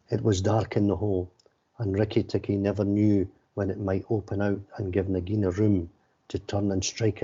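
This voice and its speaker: A man's voice: fairly low pitch, dark tone, husky. A man reading a children's story aloud in a stiff, careful way, with little inflection. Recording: slightly dull, lo-fi sound.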